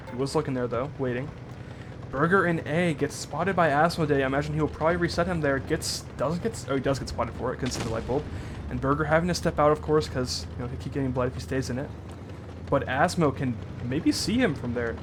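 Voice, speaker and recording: A man's voice: a little high, noisy background. A young man giving casual, rambling play-by-play commentary on a tank game match, often correcting himself. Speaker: caster.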